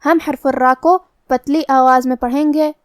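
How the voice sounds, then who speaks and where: A woman teaching the rules of Quran recitation, explaining each letter methodically between slow recited verses. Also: sits high, fairly even intonation, no echo, clean studio sound. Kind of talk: tajweed lesson with slow recitation.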